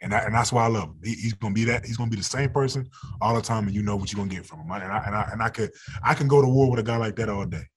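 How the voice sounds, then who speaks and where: A man in his thirties speaks as an interview guest in an open, chatty way. His voice is husky and sits a little low, and he laughs often, repeats himself and restarts his sentences as he talks. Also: rapid-fire. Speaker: football player guest. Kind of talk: casual interview.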